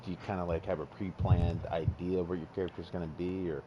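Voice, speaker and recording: A man hosting a podcast, asking questions in a hesitant, halting casual way. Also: sits low, little pitch movement. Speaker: podcast host. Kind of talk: casual chat. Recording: muffled lo-fi mic with hiss.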